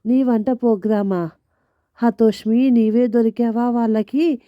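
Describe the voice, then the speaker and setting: A woman's voice: a little high, steady tone, a little slow, no room sound, lightly acted. A woman voicing a grumpy, sarcastic middle-aged husband who scolds and teases his wife in a storybook tale. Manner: scolding, teasing. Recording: dull lo-fi dry recording.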